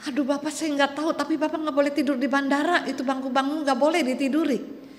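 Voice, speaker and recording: A woman voicing an irritable young female airline counter clerk who snaps quickly at a customer. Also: fairly even intonation, darkish tone, natural voice. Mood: irritated. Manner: snappish, quick and high. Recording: echoey church hall.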